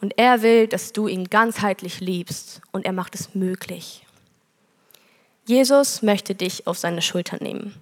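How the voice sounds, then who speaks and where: A woman's voice: medium pitch, unhurried. Woman preaching in an echoey hall. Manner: earnest storytelling, reads scripture aloud. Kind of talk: sermon with a told parable.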